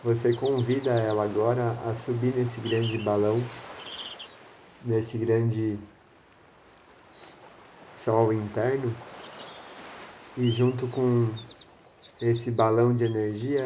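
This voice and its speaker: A man with a Brazilian accent leading a guided meditation in a slow, soothing manner, with long pauses. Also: mid-range voice, little pitch movement, warm tone, a little hiss or hum.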